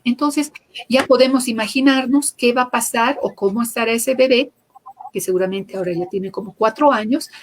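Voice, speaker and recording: A woman, a psychomotor therapist telling anecdotes from her clinical work in an animated, conversational way. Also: on the high side. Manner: animated storyteller, voices the people she quotes. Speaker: psychomotor therapist, guest lecturer.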